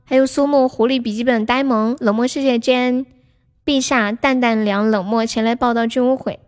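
A woman's voice: a little high, steady tone, normal speed, darkish tone. A young woman hosting a casual livestream, chatting with viewers, laughing often and reading out their names. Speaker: livestream host.

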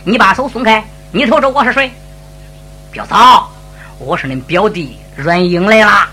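A woman's voice: mid-range voice, moderate pace, sharp tone, husky, faint music behind, voice pushed down. A woman storyteller voicing a hot-tempered young male hero with a Henan accent, speaking in fierce, blunt threats. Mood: mocking.

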